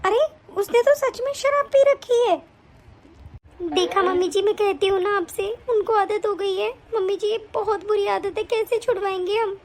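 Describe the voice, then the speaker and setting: A woman voicing a young wife in an animated story, worried and pleading with her mother-in-law. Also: very high voice, normal speed, slight background noise. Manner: pleading, complaining.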